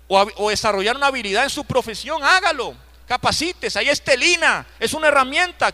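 A man's voice: very high-pitched, pushed and bright. A man with a Costa Rican accent, a pastor giving a live Bible study in church, emphatic, repeating key phrases and asking the congregation direct questions. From Costa Rica.

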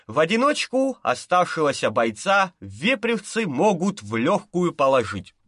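A man narrating an audiobook with lively, expressive storytelling. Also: a little high, unhurried, no echo, clean studio sound. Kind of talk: audiobook narration of a crime novel.

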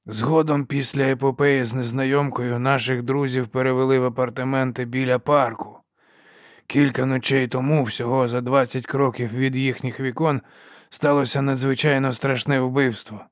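A man's voice: medium pitch, little pitch movement, normal speed, no room sound, studio quality, natural voice. A man voicing a crippled male inquisitor with a wry, sardonic manner.

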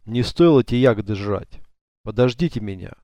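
A man's voice: lowish voice, lively intonation, brisk, warm tone, no room sound, lightly acted. A man reading an audiobook and voicing a tough, weary male gang leader who speaks in short, clipped commands. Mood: terse tired.

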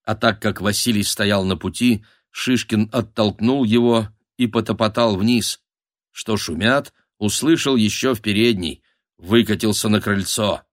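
Low dry guy narrating a dramatic audiobook. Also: normal speed, no room sound. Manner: even, dramatic storytelling. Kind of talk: scripted narration.

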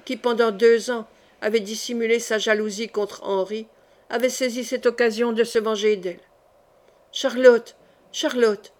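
A woman narrates a classic novel as an audiobook. Her delivery is measured and dramatic. Her voice sits somewhat high. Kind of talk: scripted narration.

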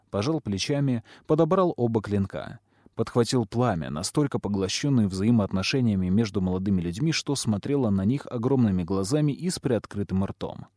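A man narrating a fantasy novel in an even storytelling manner. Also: fairly low pitch, no room sound, studio quality. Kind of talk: audiobook narration.

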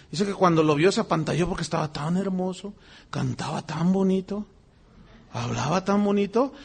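A man preaching a sermon as pastor, animated and acting out voices and exclamations. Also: high-pitched, creaky.

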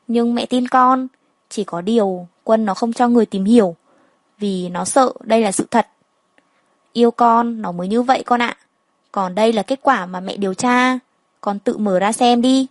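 A woman voicing a kindly, scheming older mother-in-law who talks in a gentle, coaxing way, read in a storybook. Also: on the high side, moderate pace, no room sound, close to an everyday voice. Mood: confiding.

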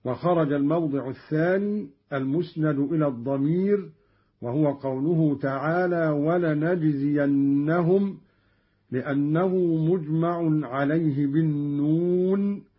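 A husky man of fairly high pitch teaches in a slow, measured way, spelling out each point with care. It sounds like an old radio broadcast: dull and lo-fi, the top end muffled. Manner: measured, carefully spelled-out phrasing. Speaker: teacher of recitation readings. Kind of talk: scripted radio explanation.

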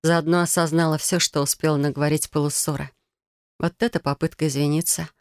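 A woman narrating a first-person story as an audiobook, in a measured, even storytelling manner. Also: low voice, clear, resonant tone, no echo, studio quality.

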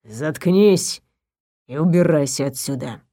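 A cold, contemptuous male doctor, put on by a woman narrator hisses and barks orders in a low, dark voice. He sounds domineering and cruel, and he talks down to whoever he is addressing. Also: slow. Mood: cold contempt. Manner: hissing, barking commands. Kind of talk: audiobook character voice.

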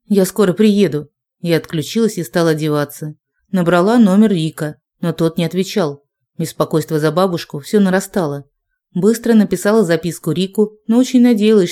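A woman narrating a first-person story as an audiobook, in a tense, even storytelling manner. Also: lowish voice.

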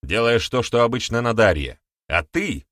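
A man's voice: medium pitch, big pitch swings, normal speed, a bit bright, no room sound, clean studio sound, voice pushed up. A man voicing a stern, scolding village smith in an audiobook, lecturing in a mock-solemn way. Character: gruff commanding male village smith. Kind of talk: audiobook character voice.

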